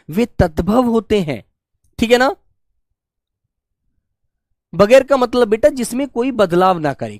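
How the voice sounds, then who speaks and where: A man teaching a live online class, affectionate and repetitive, often slowing down to dictate notes to his students. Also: high voice, dry recording, studio quality. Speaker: Hindi teacher.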